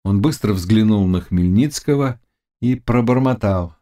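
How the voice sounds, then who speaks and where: Low-voiced male audiobook narrator. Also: dark tone. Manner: dramatic, measured reading. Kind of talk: scripted literary narration.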